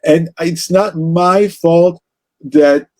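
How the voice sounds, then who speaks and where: A man's voice: fairly high pitch, drawn-out words. A man with an Israeli accent, speaking as an interview guest about music in a passionate, rambling way with many restarts. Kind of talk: casual interview conversation.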